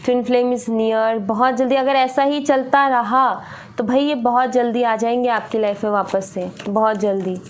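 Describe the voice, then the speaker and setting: A woman's voice: on the high side, steady tone, normal speed, slight background noise. A woman giving a tarot reading, earnest and repetitive, often slipping in "you know". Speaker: tarot reader.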